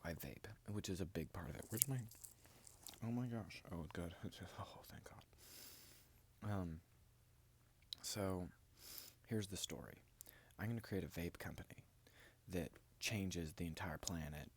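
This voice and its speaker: A man's voice: low-pitched, a little hiss or hum. A man vlogging in a rambling, grandiose monologue straight to his viewers. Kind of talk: casual vlog monologue.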